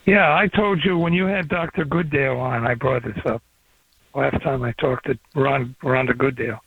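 A man's voice: medium pitch, normal speed, gravelly, husky, no room sound. An older man calling in to a radio show from outdoors on an old flip phone. He rambles and hops from one topic to the next. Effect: old flip phone call. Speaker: caller. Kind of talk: casual call-in chat. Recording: dry, tinny phone line.

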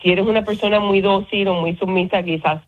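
A woman's voice: mid-range voice, fairly quick. Woman psychologist over a phone line. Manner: calm, explanatory, mixes in English words. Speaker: psychologist guest. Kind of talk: explaining on a radio talk show.

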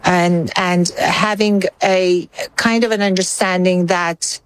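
Woman, from Iran, interview guest, somewhat low voice, dry close recording, measured with restarts. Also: fairly even intonation, smooth, no echo, rough recording. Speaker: guest analyst. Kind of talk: interview, analytical commentary.

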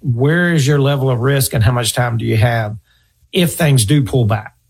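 A financial advisor in his fifties hosts a radio show, giving conversational advice in an earnest way, telling stories and repeating his points. His voice is medium-pitched with a breathy edge, at a moderate pace.

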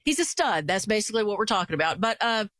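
A woman's voice: medium pitch, big pitch swings, quick pace, fairly bright tone, no echo, studio quality. Chatty woman hosting a talk radio show. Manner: chatty, upbeat, repeats phone number.

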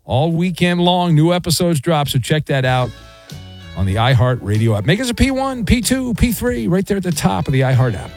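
A man hosting late-night sports talk radio with a smooth radio host delivery, joking quickly with callers. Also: fairly high pitch, sing-song, music in the background. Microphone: studio microphone.

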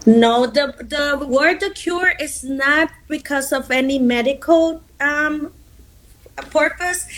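Higher-voiced woman from Honduras, hesitant. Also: fairly bright tone. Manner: hesitant, searching for words, many fillers. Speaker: interview guest. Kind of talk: conversational interview answers.

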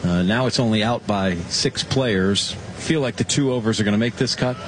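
A man's voice: fairly low pitch, normal speed, slight background noise. A man hosting a live golf broadcast as commentator, reading out scores and handing over like an announcer.

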